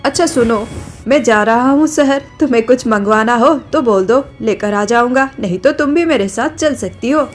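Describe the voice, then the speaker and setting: A woman's voice: fairly high pitch, moderate pace, soft background music, lightly acted. A woman voicing a friendly young husband in a cartoon story, talking upbeat. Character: cheerful young husband and son.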